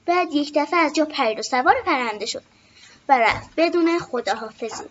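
A woman narrating a children's story in a gentle, measured way. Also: sits high, lively intonation, slight background noise. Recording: dull lo-fi recording.

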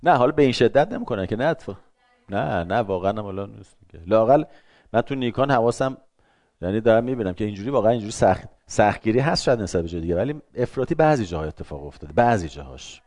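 Middle-aged male speaker, low voice with wide swings, plays out quick dialogues while lecturing. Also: lively intonation, a little mellow, no echo. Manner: acts out little dialogues in changing voices. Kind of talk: lively talk to an audience.

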